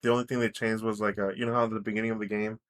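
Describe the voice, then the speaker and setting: A man's voice: on the low side, little pitch movement, very fast. Easygoing man, podcast co-host, short casual replies, some swearing. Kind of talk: casual chat.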